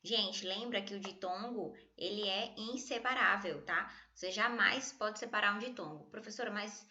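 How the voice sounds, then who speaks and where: Brazilian woman, teacher, online lesson, chatty, jokey, bright voice, lo-fi home recording. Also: medium pitch, normal speed. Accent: Brazilian Portuguese. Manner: chatty, jokey, addresses students as "gente".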